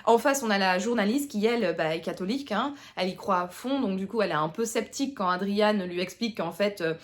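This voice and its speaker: This young book vlogger from Tournai, Belgium, has a Tournai Picard (Belgian French) accent and chats casually to camera about her reading. Her medium-pitched female voice is fast and lively in intonation, with many fillers, restarts and self-mockery.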